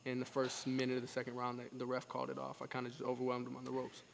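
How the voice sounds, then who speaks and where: A young man of eighteen speaks quickly and evenly, with a confident, explanatory manner. He sounds like an athlete in a casual interview, looping back over his phrases. The sound carries long hall reverb and a little background noise. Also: mid-range voice, monotone, vocal fry. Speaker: professional boxer being interviewed.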